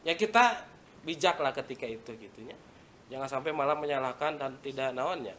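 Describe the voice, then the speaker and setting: Speaking fairly quickly in a medium-pitched voice that sounds pushed and bright, a Sundanese-accented Islamic teacher delivers an informal religious lesson. He talks conversationally, dropping in local words and Arabic recitation, over slight background noise.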